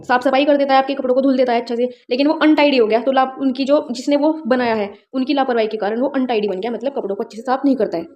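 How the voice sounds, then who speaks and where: High-voiced woman teaching vocabulary. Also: steady tone, racing, few pauses, a little mellow. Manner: explains words with memory tricks, often checks "ठीक है?". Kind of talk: exam-prep vocabulary lesson. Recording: dull, lo-fi sound.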